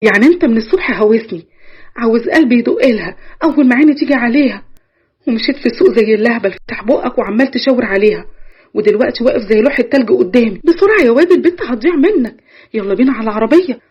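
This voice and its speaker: A woman's voice: a little high, husky, lo-fi sound. A woman doing a bossy Egyptian matchmaking aunt. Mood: urgent. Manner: brisk, bossy and rapid-fire. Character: bossy older matchmaking aunt, nosy and impatient.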